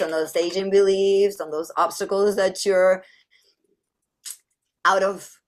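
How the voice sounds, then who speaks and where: A woman giving a playful motivational talk as a mindset coach, laughing often and slipping into childlike voices. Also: medium pitch.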